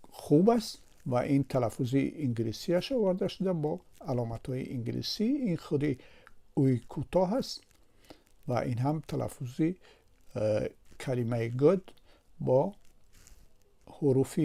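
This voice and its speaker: A man with a Tajik Persian accent teaches English pronunciation from a word table. He goes slowly, says each word more than once and asks and answers his own questions. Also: a little high, gravelly, warm tone.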